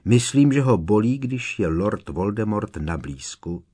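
A man reading an audiobook, voicing a wise old male headmaster who speaks in a cold, measured and firm way. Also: fairly low pitch, lively intonation, dark tone, breathy edge.

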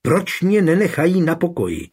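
A man reading the part of a proud, quick-tempered young woman in an audiobook, with a husky voice. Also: mid-range voice, big pitch swings. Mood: angry.

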